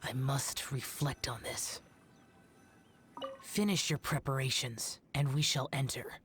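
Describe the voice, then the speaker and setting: A man's voice: medium pitch, fairly even intonation, slow, fairly bright tone, slight background noise. A man voicing a stern, solitary immortal guardian spirit in a video game, speaking solemnly and formally. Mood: resigned, brooding. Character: stern, solitary immortal male guardian spirit, young-sounding, world-weary. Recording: game music faintly behind.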